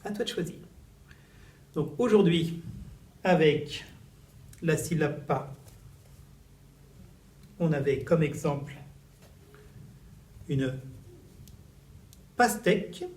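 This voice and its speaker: A man teaching a recorded reading lesson to young children in a classroom, slow and animated, stretching his syllables. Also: fairly high pitch, far from the mic. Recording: echoey room, voice a little off-mic, faint background noise.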